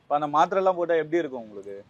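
Rapid-fire male interviewer, dull sound. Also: fairly high pitch, very animated. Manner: brief, sympathetic prompting questions. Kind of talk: interview questions.

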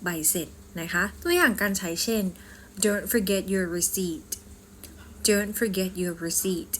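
A woman with a Thai accent, teaching English pronunciation in a polite, deliberate way and saying sample sentences slowly. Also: medium pitch, slight background noise. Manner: slow deliberate example sentences, polite particles. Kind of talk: scripted language lesson.

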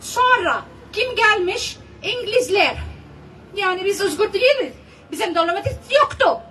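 A woman in her fifties with an Arabic accent, giving a public speech in halting, broken non-native Turkish. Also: very high voice, expressive, slight background noise. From Palestinian, raised in Lebanon. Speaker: guest speaker at a rally. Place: outdoor square, stage with PA. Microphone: podium mic, filmed by far camera. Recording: distant mic, outdoor loudspeaker sound.

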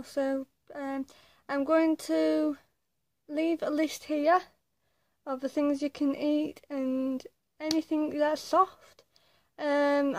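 A young woman with a tongue piercing chats casually to her viewers. Her voice is quite high and fairly even, and she moves slowly, hesitating between short phrases. The sound is close and dry. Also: dry recording. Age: young adult. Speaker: vlogger. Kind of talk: casual chat to camera. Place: small attic bedroom, indoors. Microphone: phone or webcam at arm's length.

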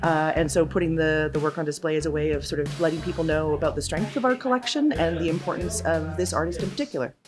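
A woman's voice: low-pitched, quick pace, few pauses, over music. A woman from an art gallery speaking proudly about its collection in a documentary interview. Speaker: gallery staff.

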